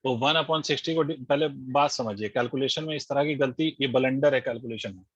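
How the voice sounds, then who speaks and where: A man's voice: medium pitch, moderate pace, a bit bright, husky, no room sound. A man teaching physics in an online class, working through the steps and quizzing his students as he goes. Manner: explains step by step, quizzes students, mixes English terms into Hindi. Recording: dull lo-fi dry audio.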